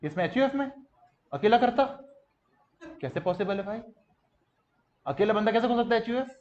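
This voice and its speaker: Brief: young male teacher, high voice, playful call-and-response drilling, slightly muffled classroom recording. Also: lively intonation, a little fast, a little mellow. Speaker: commerce teacher. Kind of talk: classroom lecture. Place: classroom with students.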